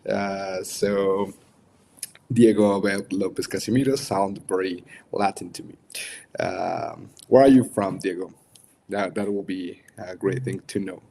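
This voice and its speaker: A young man with a Mexican accent and native Spanish, coaching in a casual, halting livestream chat. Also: low-pitched, steady tone, gravelly, dark tone. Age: young adult. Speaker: coach hosting a livestream workshop.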